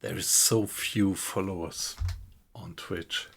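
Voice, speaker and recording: Slow, low-voiced man streaming. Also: fairly even intonation, vocal fry, a bit bright, breathy edge. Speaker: game streamer. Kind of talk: casual live-stream chat while playing. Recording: background noise with keyboard typing.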